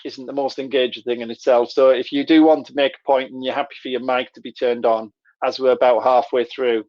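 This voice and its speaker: A man's voice: medium pitch, flat delivery, fairly quick, a little mellow. A man with a Middlesbrough, Teesside accent explaining things conversationally as he presents an online workshop. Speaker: webinar presenter. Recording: dull, lo-fi online call audio.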